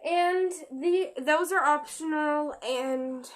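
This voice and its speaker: A woman giving a casual step-by-step craft tutorial, chatty and halting with frequent restarts. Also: high voice.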